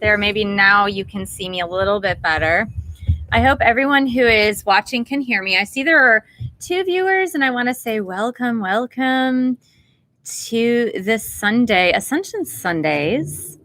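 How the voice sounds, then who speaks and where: A woman hosting a livestream, talking gently and unhurriedly before leading a guided meditation and greeting viewers in the chat. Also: fairly high pitch, expressive, a little slow. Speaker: meditation teacher and channel host.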